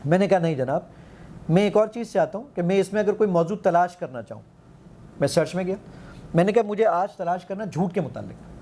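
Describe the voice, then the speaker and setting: A man's voice: high voice, expressive, mellow, a little hiss or hum. A man, an app founder, eagerly demonstrating his app in an interview, quoting the commands he gives it and counting aloud.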